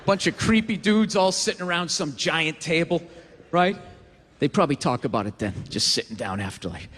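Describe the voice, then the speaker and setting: A man's voice: a little high, animated, fairly bright tone, slight background noise, voice pushed down. A man voicing a sinister, gloating elite man with a transatlantic accent, plotting with others at a big table. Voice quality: slow, gloating, villainous purr. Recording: reverberant stand-up hall, faint ambience.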